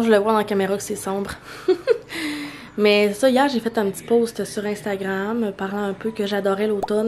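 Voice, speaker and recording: A woman's voice: mid-range voice, darkish tone, slight background noise. Chatty Québécois woman vlogging at home. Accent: Québécois French. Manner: chatty and rambling, with many fillers and restarts. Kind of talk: casual morning vlog chat.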